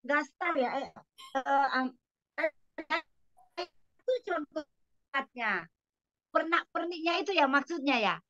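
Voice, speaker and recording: Bright high-voiced woman lecturer giving feedback. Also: expressive, takes it slowly, pauses often, dry recording, muffled recording. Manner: instructive, questioning, acts out classroom examples. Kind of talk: spoken feedback to a trainee teacher.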